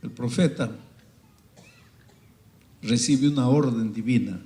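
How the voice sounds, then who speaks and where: A man preaching a sermon, telling a story with sudden swings from hushed, quiet passages to loud, soaring cries. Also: medium pitch, slow pace, echoey room.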